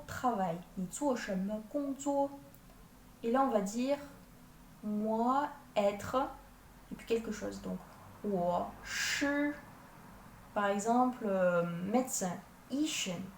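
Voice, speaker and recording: A woman giving a language lesson, patiently explaining step by step and sounding out foreign words slowly. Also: medium pitch, a little mellow, a little hiss or hum. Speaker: Chinese language teacher. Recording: echoey room, distant mic.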